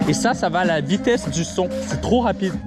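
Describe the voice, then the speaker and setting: A young man vlogging on his own as he walks outdoors at night, rambling excitedly to an action camera with bursts of shouting. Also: high voice, a little fast, over loud music. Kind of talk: casual solo vlog to camera. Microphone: action camera mic.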